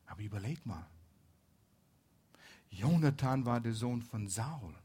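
A man preaching a sermon, retelling a Bible story and shifting between soft asides and loud emphasis. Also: medium pitch, lively intonation, unhurried, husky.

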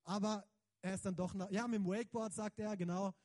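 A man giving a lively, conversational sermon, emphatic and slangy, often turning to the audience with questions. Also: high-pitched, a little fast, no room sound. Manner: emphatic, slangy, keeps asking the audience "right?". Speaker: preacher.

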